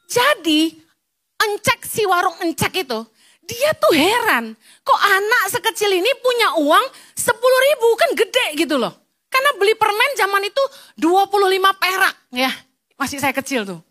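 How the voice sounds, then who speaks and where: A woman's voice: very high voice, pushed and bright. A middle-aged woman pastor, preaching bluntly and mixing slang with English words. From Indonesia. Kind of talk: sermon.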